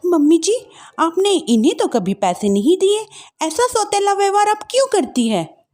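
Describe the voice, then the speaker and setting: A woman's voice: very high voice, very animated, moderate pace, pitched above the performer's own voice. A woman voicing a young, hot-tempered daughter-in-law who talks back in a family drama story. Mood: indignant. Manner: indignant, sharp back-talk.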